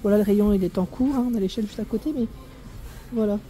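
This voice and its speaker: A woman's voice: mid-range voice, fast, mellow. A woman filming a shopping vlog in a food discount store, chatting as she reads out prices and weights and correcting herself along the way. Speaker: vlogger showing store prices. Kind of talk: walk-through shopping vlog.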